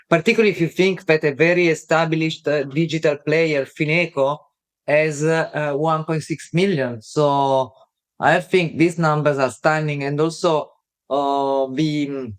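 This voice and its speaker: A woman's voice: low voice, fairly even intonation, measured pace. A woman with an Italian accent, a guest on a podcast interview, speaking hesitantly with frequent fillers. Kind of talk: casual interview.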